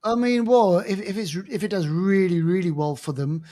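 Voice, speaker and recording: A man's voice: high voice, normal speed. A man co-hosting a film podcast, chatting casually and filling his talk with "you know". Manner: chatty, animated, frequent "you know" fillers. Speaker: podcast co-host. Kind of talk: casual chat.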